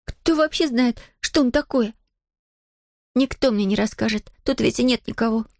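A woman voicing a spirited, stubborn nine-year-old girl in an audiobook, with high, indignant outbursts. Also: moderate pace, darkish tone, no echo, clean studio sound, close to an everyday voice. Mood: fretful. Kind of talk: audiobook character voice.

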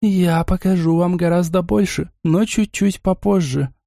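A man's voice: sits high, steady tone, measured pace, vocal fry, dark tone, no echo, voice pushed up. Man doing a haughty rich seductress, raised voice, teasing, dry close sound, audiobook. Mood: flirtatious. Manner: teasing, flirtatious, then furious.

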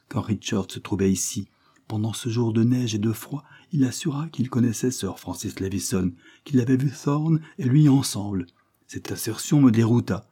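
Audiobook: a man doing a worried young wife, pleading, lifted pitch, breathy. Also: dark tone. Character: anxious young wife, hurried and secretive.

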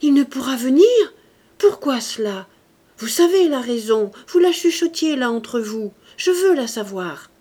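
A woman reading an audiobook, voicing a feverish, dying young mother who demands answers and then pleads softly. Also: mid-range voice, unhurried. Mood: urgent demanding. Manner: sharp, hoarse outbursts, then hushed and pleading. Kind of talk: audiobook character voice.

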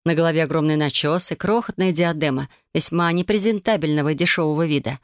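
A woman reading a first-person story aloud in a calm, even storytelling manner. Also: deep voice, quick pace, dry recording, studio quality. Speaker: audiobook narrator.

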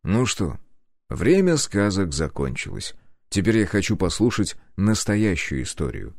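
Lively low-voiced male narrator. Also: gravelly, dry recording, studio quality. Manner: grim, deliberate, menacing. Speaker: audiobook narrator. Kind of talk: first-person audiobook narration.

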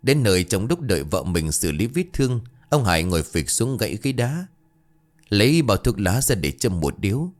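A man narrating a ghost story in an expressive, dramatic way. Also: on the low side, moderate pace.

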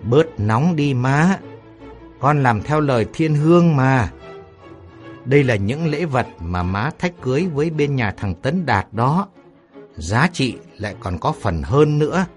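A man's voice: mid-range voice, lively intonation, measured pace, faint music behind, natural voice. A man doing a cocky, brash young man. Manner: cocky and offhand.

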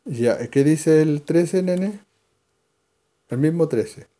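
Guy teaching bible verse by verse, calls on people to read, mellow warm tone. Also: on the high side, expressive, very slow. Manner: explanatory, directs readers by name.

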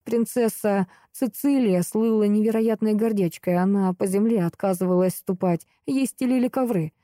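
A woman's voice: mid-range voice, moderate pace, dark tone, no echo, studio quality, lightly acted. A woman reading the lines of a young male duke in an audiobook, stern yet pleading.

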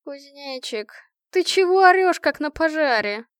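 A woman's voice: sits high, animated, unhurried, fairly bright tone, no echo, studio quality, voice pushed up. A woman voicing a sleepy, grumpy young woman who grumbles and complains. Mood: sleepy grumbling.

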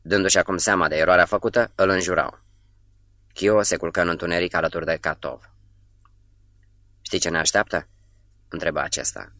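A man reading a novel aloud in a measured, sombre way, dropping almost to a whisper on the quietest lines. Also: sits low, fairly even intonation, dry recording. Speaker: narrator. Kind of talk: literary audiobook reading.

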